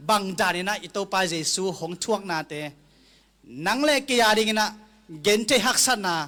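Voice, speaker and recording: A man preaching a sermon slowly and deliberately, sometimes closing a thought with an amen. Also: sits high, pushed and bright. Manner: slow, deliberate preaching with frequent amens.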